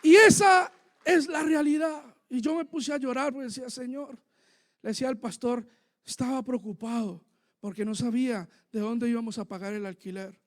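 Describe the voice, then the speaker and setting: A man preaching a sermon in a church, sharing a personal testimony with fervent emotion that swings between loud and soft. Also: very high voice, brisk.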